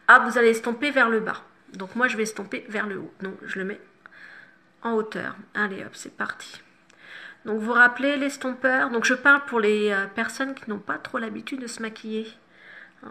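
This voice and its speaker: Bright-voiced woman giving a makeup tutorial. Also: fairly high pitch, gravelly. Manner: chatty and instructive, self-mocking asides. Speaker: makeup vlogger.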